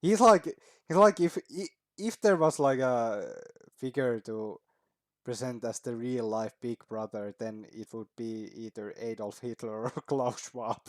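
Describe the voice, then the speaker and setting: A man's voice: medium pitch, unhurried, no room sound. Casual swearing man reacting, dry sound. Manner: casual, swears often, laughs at his own points. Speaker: reaction video host.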